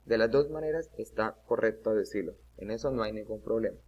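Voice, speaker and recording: A man's voice: fairly low pitch, brisk, highs cut off. A man teaching an English grammar lesson, explaining step by step and often checking "¿listo?".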